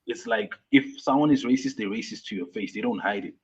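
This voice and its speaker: A man's voice: fairly low pitch, a little fast, slightly rough. A young man from South Africa, a guest artist on a video call, explains things casually with lots of fillers and restarts. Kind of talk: casual interview chat. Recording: muffled lo-fi remote audio.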